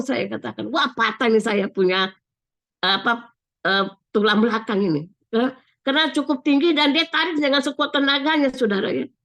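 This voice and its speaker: A woman's voice: fairly high pitch, a bit bright. Older woman preaching over a video call. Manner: keeps addressing listeners as brothers and sisters, earnest. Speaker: preacher giving a testimony. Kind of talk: sermon with personal testimony. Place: online video meeting.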